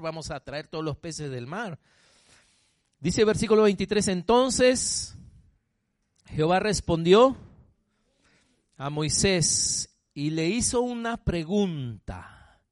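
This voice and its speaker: A man's voice: a little high, expressive, measured pace, no room sound, studio quality. A male pastor preaching a sermon, emphatic, often asking the congregation questions.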